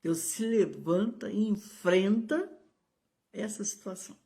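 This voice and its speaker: A middle-aged woman pastor with a Brazilian Portuguese accent preaching a live-streamed sermon, emphatic, with sudden high exclamations, speaking to viewers by name. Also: slow, mellow.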